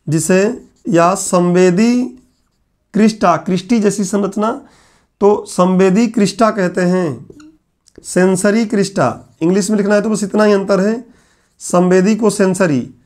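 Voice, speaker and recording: A male teacher giving a classroom lecture, repeating key phrases slowly so students can write them down. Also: high-pitched, darkish tone. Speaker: exam coaching teacher. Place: classroom with whiteboard.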